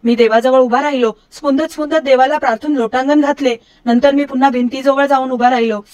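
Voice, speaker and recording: Woman, middle-aged, high voice, storybook reading, voices characters higher. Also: fairly even intonation, a little mellow. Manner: voices the quoted characters with a raised pitch; recites verse slowly and lower. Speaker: storybook reader.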